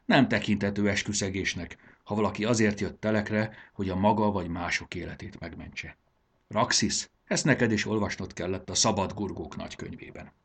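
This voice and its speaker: A man voicing a fussy, cheerful old male gurgó in a storybook reading, his voice pushed high and excitable. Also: slightly rough. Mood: soothing. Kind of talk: audiobook character voice.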